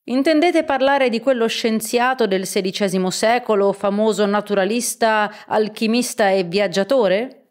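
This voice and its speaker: A woman's voice: mid-range voice, steady tone, normal speed, few pauses, a little mellow, voice pushed up, lightly acted. A woman voicing a courteous, learned male professor in a storybook reading, explaining politely.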